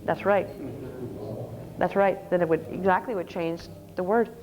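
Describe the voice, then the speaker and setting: A woman's voice: fairly low pitch, a little slow, muffled recording, background noise. A woman presenting a conference workshop on teaching reading, explaining step by step and spelling out letters. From Canada. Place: conference session room. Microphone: microphone.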